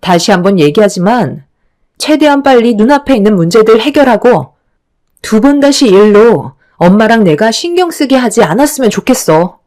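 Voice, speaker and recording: A woman's voice: a little high, very animated, moderate pace, a little mellow. A woman voicing an older sister who harshly scolds her younger sibling in a radio story reading. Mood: angry scolding. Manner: harsh, reproachful lecturing.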